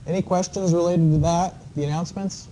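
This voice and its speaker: A man teaching an engineering class, explaining problems in a relaxed way with frequent ums and uhs. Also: on the high side, fairly quick, a little hiss or hum, poor audio. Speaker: engineering professor. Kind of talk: classroom lecture. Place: lecture classroom.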